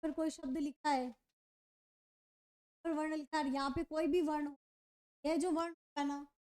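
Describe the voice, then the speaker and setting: A woman with a high, mellow voice teaches an online grammar class. She puts a question to her students and answers it herself, checking in with a steady "okay". The recording is dry and close. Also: measured pace, no echo. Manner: asks questions and answers them herself, repeats "ठीक है". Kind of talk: online Hindi grammar lesson.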